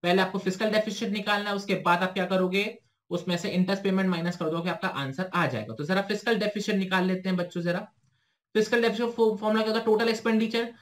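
Young Indian male tutor, high voice, fast explainer who quizzes himself and reads English prompts slowly. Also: fairly even intonation. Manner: brisk explaining, slow careful reading of English questions; asks himself questions and answers them. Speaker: teacher. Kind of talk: exam-prep lesson talk.

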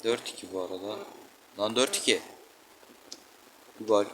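A man's voice: lowish voice, steady tone, moderate pace, noisy background. A man giving casual, slangy commentary on a football video game, grumbling and exclaiming at every play. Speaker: gaming channel host. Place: room indoors, playing a football video game. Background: children shouting outside.

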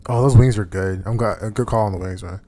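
A man's voice: lowish voice, fast talker, mellow. A man hosting a live gameplay stream, chatting casually and rambling to his viewers while he plays. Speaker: streamer host.

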